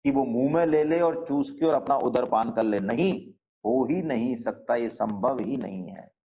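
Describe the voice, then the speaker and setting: A man teaching a class on a spiritual scripture, explaining slowly and checking in with the listeners through rhetorical questions. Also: mid-range voice, dark tone, muffled recording.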